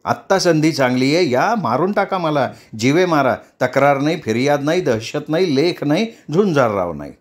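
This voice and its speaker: A man narrating a novel as a storyteller, in a measured, dramatic reading. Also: fairly high pitch, lively intonation.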